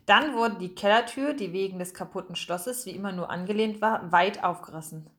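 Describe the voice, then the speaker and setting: A woman narrating a children's audiobook in a calm, even storytelling manner. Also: mid-range voice, fairly quick.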